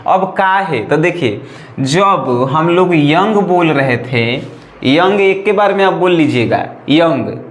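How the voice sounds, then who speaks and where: A man's voice: fairly high pitch, lively intonation, slow, reverberant. A man with a Bhojpuri accent teaching English grammar, repeating points and checking that students follow. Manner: repetitive, checks in with "right or not?". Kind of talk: classroom-style lesson.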